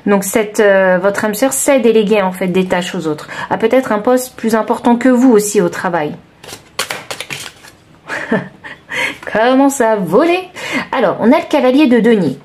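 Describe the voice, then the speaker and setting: A woman's voice: medium pitch, animated, measured pace, pauses often, a little mellow, a little hiss or hum. A woman with a southern French accent doing a tarot card reading for viewers, thinking aloud with many hesitations. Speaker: tarot reader.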